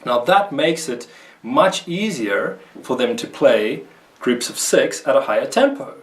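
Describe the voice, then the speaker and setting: A man's voice: medium pitch, very animated, unhurried, far from the mic, a little hiss or hum. A man teaching a guitar lesson, explaining patiently and methodically and counting out strokes as he demonstrates. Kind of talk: instructional video lesson. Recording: roomy sound, voice a bit off-mic. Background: guitar playing.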